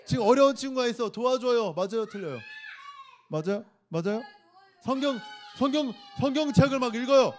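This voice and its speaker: A man's voice: very high-pitched, expressive, a little fast, darkish tone, slight background noise. A man, a pastor, giving a children's sermon in a church room, playfully quizzing the kids and having them repeat phrases after him. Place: church worship room indoors.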